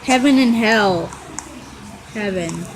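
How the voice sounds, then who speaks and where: A woman giving chatty, excitable gameplay commentary, trash-talking other players as she goes. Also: medium pitch, takes it slowly, background noise. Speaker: gamer.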